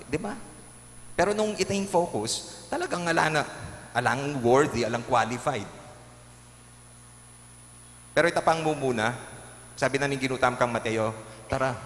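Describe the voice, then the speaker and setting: A priest with a Kapampangan accent preaching a homily at Mass, animatedly acting out quotes and jokes. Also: male voice, medium pitch, fairly bright tone. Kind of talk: homily in a live-streamed Mass. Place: large church. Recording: echoey church with long reverb, faint hum.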